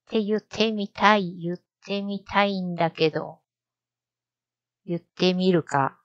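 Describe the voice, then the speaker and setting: A woman streamer chatting casually to herself, slowly repeating practice sentences and musing aloud. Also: on the low side, no room sound, dull audio. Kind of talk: casual live-stream commentary.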